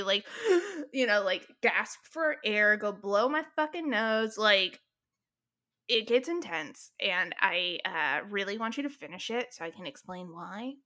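A woman co-hosting a podcast in casual chat, talking animatedly with frequent swearing and lots of "like". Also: mid-range voice. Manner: animated, swears often, fast talk with many likes. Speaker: podcast co-host.

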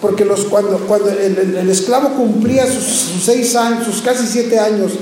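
Very high-voiced preaching man, echoey church. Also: moderate pace, mellow. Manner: preaching with frequent restarts and repeated words, calling out to the congregation. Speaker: pastor. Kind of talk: sermon. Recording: very echoey church hall with faint background noise.

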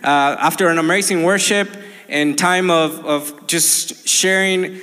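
Unhurried and fairly high-pitched, with a pushed, bright tone, a young man with a Colombian accent delivers an earnest livestreamed sermon as a pastor. Spanish is his native language, his speech is full of restarts and fillers, and the hall adds long reverb.

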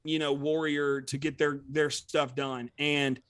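A man's voice: fairly high pitch, level tone, unhurried, a bit bright, clear, resonant tone, no echo, studio quality. A man co-hosting a casual podcast, rambling and full of "you know" and "like". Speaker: podcast co-host.

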